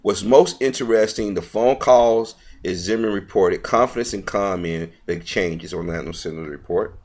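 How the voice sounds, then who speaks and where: Delivering online news commentary, a man with a fairly low, darkish voice reads aloud at normal speed. He stumbles over some words, and his manner is earnest and opinionated.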